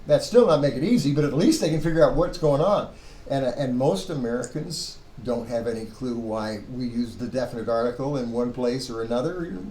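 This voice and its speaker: In a room full of students, this Hebrew teacher from a seminary lectures conversationally, fielding his own questions and rewording things mid-thought. He speaks fairly quickly in a mellow, mid-range voice. Background noise is clearly audible, and the room gives a roomy echo.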